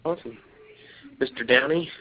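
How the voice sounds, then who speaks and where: A man's voice: medium pitch, moderate pace, slightly rough. A man hosting a community conference call, talking loosely and upbeat with many fillers and restarts. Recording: slightly dull line with faint noise.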